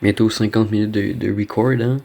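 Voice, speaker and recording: A man's voice: on the low side, fairly even intonation, normal speed, creaky, mellow. A man with a Québécois French accent giving casual, rambling gaming commentary, slangy and dropping in bits of English slang. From Quebec, Canada. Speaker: gamer recording a video.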